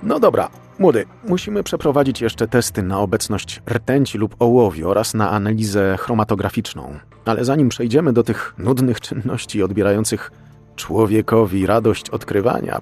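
A man's voice: lowish voice, lively intonation, moderate pace, vocal fry, darkish tone, slightly rough, soft background music, full character voice. A man voicing a jovial middle-aged male forensic expert who lectures and teases his junior in an audiobook. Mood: lecturing. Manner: teasing, lecturing like a professor.

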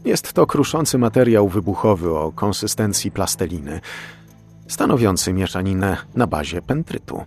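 A man's voice: sits low, animated, normal speed, darkish tone, faint music behind. A man voicing a jovial middle-aged male forensic expert who lectures and teases his junior in an audiobook. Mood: lecturing. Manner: teasing, lecturing like a professor.

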